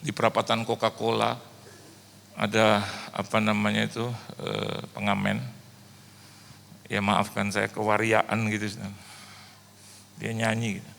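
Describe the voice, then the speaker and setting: A man pastor preaching a sermon in lively storytelling fashion from a church stage, with a reverberant hall around him. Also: fairly low pitch, a little slow, gravelly, long pauses, slight background noise. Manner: animated storytelling, rhetorical "Halo?" checks.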